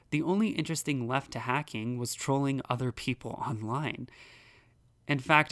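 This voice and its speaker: A man's voice: medium pitch, fairly bright tone. Rambling man essayist. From United States. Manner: rambling, with many fillers and restarts. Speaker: video essayist. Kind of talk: casual narrated video essay.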